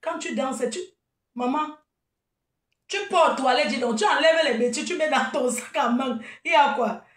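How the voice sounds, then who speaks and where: A woman's voice: sits high, normal speed, far from the mic. A woman talking straight to her audience in an unscripted live video, scolding her critics and then chatting and laughing with them. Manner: chatty and laughing, calls listeners "maman". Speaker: event planner and vendor. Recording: echoey room, voice off-mic.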